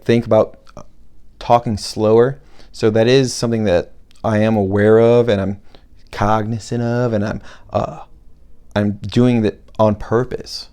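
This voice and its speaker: Male podcast host, low and mellow, deliberately slow, rambling solo chat. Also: smooth. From Buffalo, New York. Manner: talks slowly on purpose, rambling with restarts. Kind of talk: casual solo podcast monologue.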